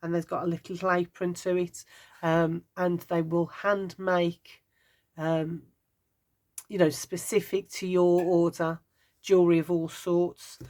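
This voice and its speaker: A Brummie woman in her fifties talks in a chatty, meandering way with dry little jokes. Her voice sits a touch low for a woman. She sounds relaxed and conversational, like she is telling a friend about her home city. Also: unhurried. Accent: Birmingham (Brummie). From Birmingham, England. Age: 50s. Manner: chatty, meandering, wry humour. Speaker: craft vlogger. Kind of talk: casual chat.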